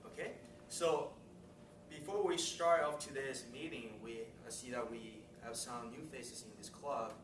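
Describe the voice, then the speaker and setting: Unhurried and medium-pitched, a man chats through club announcements in a friendly, easygoing way, laughing between remarks. The mic sits far from him in an echoey meeting room, and steady, loud room noise fills the background.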